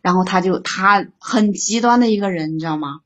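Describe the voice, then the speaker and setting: A woman's voice: mid-range voice, fairly quick. A woman calling into an advice show, telling her own story with stammering repeats. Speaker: caller.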